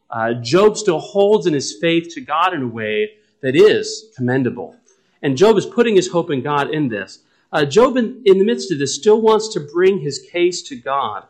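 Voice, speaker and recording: A man preaching a sermon, earnest and often stopping to repeat his words as he works through scripture. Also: a little high. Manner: earnest, restarts and repeats words, dramatic paraphrase.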